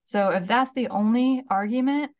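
A woman's voice: a little high, moderate pace, a little mellow. A woman in her thirties co-hosting a talk podcast, giving casual advice in a chatty way, often checking in with "okay?" and "right?". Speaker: podcast co-host.

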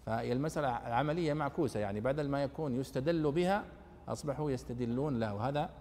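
A man's voice: medium pitch, quick pace, a little mellow, in a large hall, slight background noise. A man giving a classroom lecture on exegesis, asking and answering his own questions.

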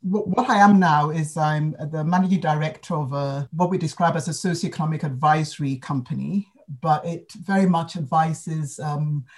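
A woman in her fifties from Ghana, answering interview questions in a measured, explanatory way. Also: sits low. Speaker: guest, sustainability advisor.

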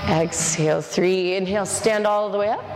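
A woman's voice: medium pitch, moderate pace. A woman teaching a yoga class, giving directive step-by-step cues and counting breaths. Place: large echoey indoor studio with a class. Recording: echoey hall with music behind. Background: music.

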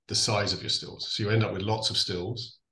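An Irish man from Donegal explaining things in a conversational interview, thoughtful and halting, often restarting and correcting himself. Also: on the low side, steady tone, sharp tone. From Donegal, Ireland. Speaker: interview guest, distillery founder. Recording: echoey room sound.

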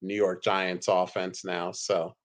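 A man's voice: sits low, little pitch movement, slow pace. A man hosting a casual fantasy football podcast, laid-back and joking, often chuckling as he talks. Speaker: podcast host.

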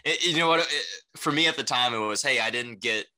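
Fairly quick and forceful, with a bright mid-range voice, the young man answers as a casual interview guest. A native Mandarin speaker who works in sales and raps, he rambles and keeps dropping "you know" and "right?"

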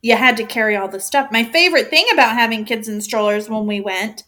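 A woman's voice: a little high, fairly quick, sharp tone. A middle-aged woman in casual chat, reacting with short remarks and recalling her own family trips.

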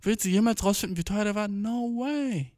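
A man's voice: high voice, moderate pace, darkish tone, dry recording. Slangy young man, dry close sound. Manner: slangy, blunt, sprinkles in English words. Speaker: commentator. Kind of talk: casual reaction to a read-out story.

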